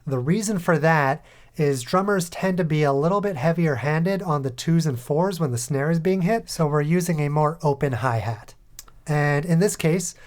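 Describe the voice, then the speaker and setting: A man hosting a music production tutorial, calmly talking through each step in a voice-over. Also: on the high side. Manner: calm, methodical step-by-step explaining. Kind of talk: tutorial voice-over over a screen recording.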